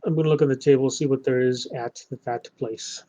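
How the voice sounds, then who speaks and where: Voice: mid-range voice, fairly even intonation, fairly quick, mellow. A tabletop game player who asks curious questions about the scene and describes easygoing actions. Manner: curious, laid-back. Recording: dull lo-fi mic.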